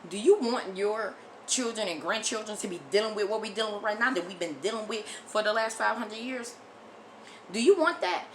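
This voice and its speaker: A woman's voice: medium pitch, a little fast, fairly bright tone, a little hiss or hum, rough recording. An American woman delivering an impassioned, blunt opinion monologue as a video commentator, emphatic and repeating phrases for force, often swearing. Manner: frequent swearing.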